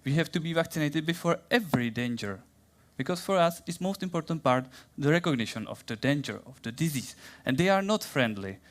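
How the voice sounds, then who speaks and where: A young man with a Czech accent giving a playful, theatrical science talk in a plant's voice, then answering questions in halting English. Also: fairly high pitch, expressive. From Czech Republic. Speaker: science communication contestant.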